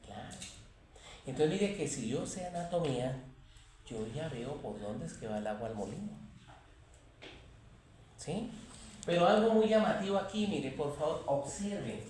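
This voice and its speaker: A Colombian man teaching an anatomy class, quizzing his students and telling lively anecdotes. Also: a little high, unhurried, pauses often, distant mic, a little hiss or hum. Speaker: anatomy lecturer. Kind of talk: classroom lecture. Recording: echoey classroom recorded from afar.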